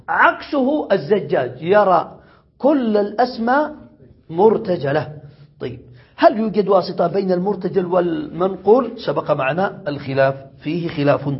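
A man from Yemen teaching a grammar lesson, who repeats examples and asks his students whether it is clear. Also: high-pitched, lo-fi sound.

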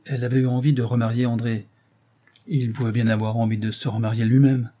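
A man narrating a novel in a steady, measured storytelling voice. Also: medium pitch. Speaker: audiobook narrator.

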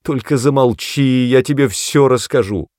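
A man's voice: moderate pace, darkish tone, dry recording, clean studio sound, lightly acted. A man voicing a desperate teenage girl who begs her mother, in a raised, tearful voice. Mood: pleading. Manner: high tearful begging voice.

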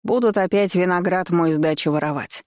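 A woman voicing a bossy, sharp-tongued old grandmother who grumbles and scolds bluntly, recorded dry and close. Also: on the low side, fairly quick, no echo, close to an everyday voice. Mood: grumbling. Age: older.

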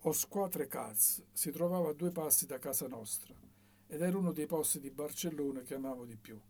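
A man reading a novel aloud in a measured, expressive way. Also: on the high side. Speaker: audiobook reader.

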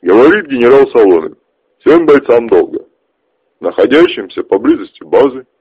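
A man voicing a stern male army general who gives loud, clipped orders over a walkie-talkie radio, in an audiobook reading. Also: medium pitch, big pitch swings, normal speed, husky, dry recording, pitched above the performer's own voice. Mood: urgent. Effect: heard over a walkie-talkie radio. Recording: tinny phone-like recording.

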